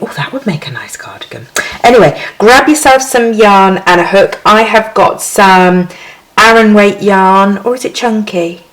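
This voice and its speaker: A woman with a low, unhurried voice, talking through a crochet tutorial. She chats and giggles between stitch counts, easygoing and homely. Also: poor audio.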